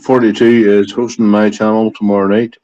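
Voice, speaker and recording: A man's voice: on the low side, level tone, moderate pace, mellow, highs cut off. A man chatting on a live stream, talking in a crude, brash way. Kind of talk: casual chat.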